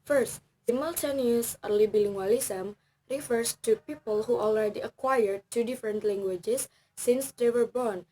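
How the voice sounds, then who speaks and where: A young Balinese woman, a native Balinese speaker with an Indonesian accent, gives a class presentation as a student, speaking carefully and hesitantly with lots of fillers and self-corrections. Her voice is fairly high and warm at a moderate pace, and the poor audio carries a little hiss or hum.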